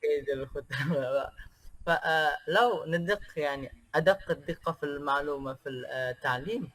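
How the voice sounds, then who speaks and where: A man from Indonesia, a native Indonesian speaker, chatting as an interview guest in a hesitant way with many pauses and filler sounds. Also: fairly high pitch, fairly bright tone. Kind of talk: casual interview chat.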